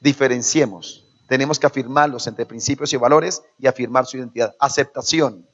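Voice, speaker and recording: A man's voice: medium pitch, fairly even intonation, fairly quick, a bit bright. A man with a Colombian Spanish accent preaching a sermon as pastor, calling out to the congregation and acting out quoted parents. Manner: preaching with call-and-response to the congregation; acts out quoted parents in shifting voices. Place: church. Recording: dull lo-fi sermon recording.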